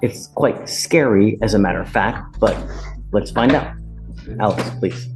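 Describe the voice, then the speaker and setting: In courtroom audio with music in the background, an American-accented judge addresses people from the bench in a stern, blunt, colloquial manner. His voice is fairly low and his delivery unhurried.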